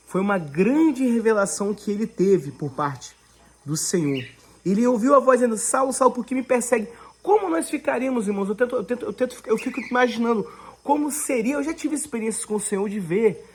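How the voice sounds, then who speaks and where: A woman's voice: fairly low pitch, slightly rough. A Brazilian woman leading an online Bible devotional, preaching fervently and addressing her listeners as brothers. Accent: Brazilian Portuguese. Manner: fervent, addresses listeners as brothers, swings between loud and hushed.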